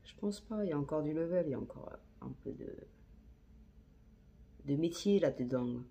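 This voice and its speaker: Beauty vlogger, woman, casual and slangy, thinks aloud, voice with some vocal fry; phone-recorded. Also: low-pitched, lively intonation, normal speed, warm tone. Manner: chatty, slangy, talks to herself. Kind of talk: casual makeup tutorial chat. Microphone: phone camera.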